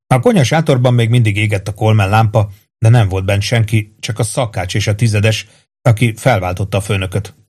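Man narrating a novel, measured. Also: lowish voice, darkish tone, husky. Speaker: audiobook narrator. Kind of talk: scripted narration.

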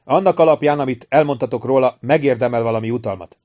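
A man's voice: mid-range voice, darkish tone, natural voice. A man voicing a commanding young king in an audiobook reading.

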